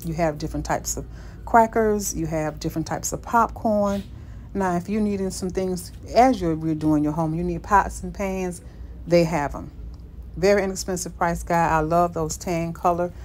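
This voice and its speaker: A woman's voice: fairly low pitch, fairly even intonation, moderate pace, darkish tone, slight background noise. A woman vlogging as she walks through a large store, chatting upbeat to her viewers about the items she finds. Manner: upbeat, chatty, keeps addressing viewers as guys. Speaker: shopping vlogger. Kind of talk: casual shopping walkthrough. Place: inside a large retail store.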